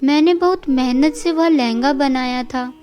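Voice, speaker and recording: A woman's voice: sits high, unhurried, darkish tone, soft background music. A woman voicing a kind, hardworking young woman heroine who speaks earnestly. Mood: upset. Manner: earnest and pleading.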